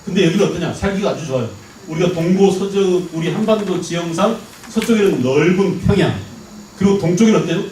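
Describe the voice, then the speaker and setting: A middle-aged man from the Jeolla region giving a lively history lecture, constantly asking the class rhetorical questions to check they follow. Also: high-pitched, a little fast, a little hiss or hum. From Jeolla province, Korea. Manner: animated, keeps checking understanding with rhetorical questions. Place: lecture hall. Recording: echoey hall, mic at a distance.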